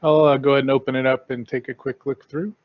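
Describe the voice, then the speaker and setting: A man's voice: medium pitch, flat delivery, fast, no room sound. Man, tabletop player, casual, methodical, dull dry sound. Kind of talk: tabletop role-play.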